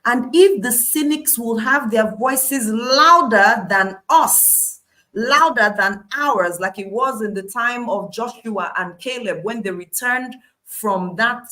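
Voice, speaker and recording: A woman's voice: on the high side, slow, bright, forceful tone. Emphatic Nigerian woman preaching. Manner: declarative, emphatic, repeating phrases for weight. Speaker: preacher, Bible study host. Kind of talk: devotional sermon and Bible study.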